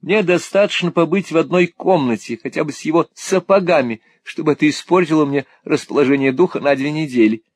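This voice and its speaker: A man reading an audiobook, voicing a small, lively, lonely spinster painter who talks in a fussy, excitable, teasing way. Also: on the high side, moderate pace, voice pushed up. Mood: concerned. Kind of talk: audiobook character voice.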